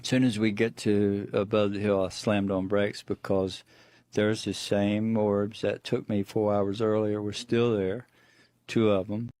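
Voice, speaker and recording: A man's voice: lowish voice, little pitch movement, unhurried, darkish tone, dry recording. A middle-aged man, a guest on the show, recounting a personal encounter in plainspoken storytelling full of restarts. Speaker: eyewitness guest.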